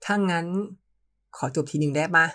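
Confident young lover for an audio novel, voiced plainly by the reader, teasing and coaxing. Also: male voice, fairly high pitch, moderate pace, bright, forceful tone.

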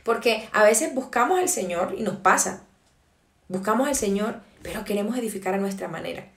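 A woman giving an early-morning devotional sermon, preaching earnestly and emphatically with slow, stressed phrases and rhetorical questions. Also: medium pitch, lively intonation, gravelly, reverberant.

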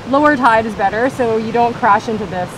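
A woman's voice: fairly high pitch, brisk, a crowd in the background. A young woman with a Canadian accent chatting casually, picked up by a camera outdoors. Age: young adult. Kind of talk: casual chat. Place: outdoors at a beach car park. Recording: very noisy outdoor camera audio.

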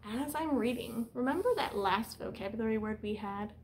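A thirtysomething woman with a fairly high voice reads a picture book to young children at a normal speed, teacher-style, keeping explanations simple and posing questions. The setting is a small indoor room, her manner instructive, and there's background noise.

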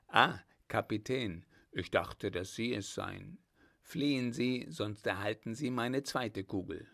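A man's voice: fairly low pitch, slow pace, creaky, a bit bright, exaggerated voice. A man voicing a brave, ardent young male lieutenant with a firm, earnest manner.

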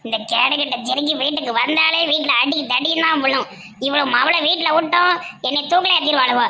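A woman voicing a gravelly, shrill village auntie with a Tirunelveli accent. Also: brisk, pushed and bright, a little hiss or hum, heavily acted. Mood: scolding. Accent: Tirunelveli Tamil. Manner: scolding, dramatic dialect delivery. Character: gossipy village woman, quick to quarrel.

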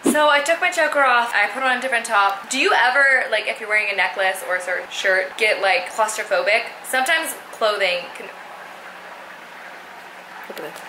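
Filmed on a handheld camera at arm's length, a vlogger in her twenties jokes around while cooking in her small apartment's kitchen and living room area. She speaks at a moderate pace in a slightly high, bright, forceful voice. The audio is poor, roomy, and carries slight background noise.

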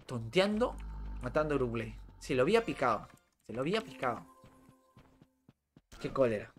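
A man talks over a live game stream, chatty and animated. He fires rhetorical questions at his viewers. His pitch rises and falls a lot, with a lively, bouncing delivery. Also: normal speed, soft background music. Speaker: gaming streamer. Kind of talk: live gameplay chat with a rant to viewers.

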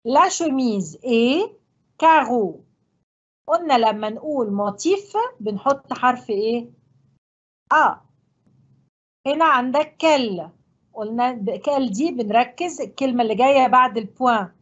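A woman French teacher with an Egyptian accent, reviewing for an exam and mixing French with quick Arabic explanations. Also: on the high side, husky, highs cut off.

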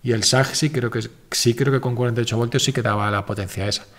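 A man's voice: medium pitch, steady tone, quick pace, a bit bright. A man hosting a casual live stream, answering viewer questions in a rambling, self-correcting, informal way.

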